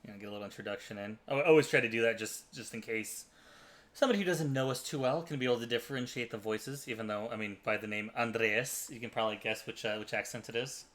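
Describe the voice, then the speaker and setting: A man from Texas hosts a casual podcast chat with a bright, clear voice. He sounds laid-back, often hesitating and filling gaps with "uh" as he moves the talk along. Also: mid-range voice, quick pace. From Texas, USA. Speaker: podcast host.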